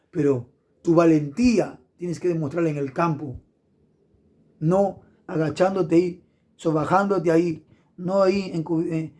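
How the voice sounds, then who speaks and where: A man's voice: a little high, darkish tone. A middle-aged man preaching an impassioned sermon, fervent and repetitive, punctuated with hallelujahs.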